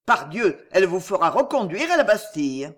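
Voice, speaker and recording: An audiobook reader voicing a forceful, insistent male adventurer giving urgent advice in a historical novel. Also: medium pitch, very animated, moderate pace.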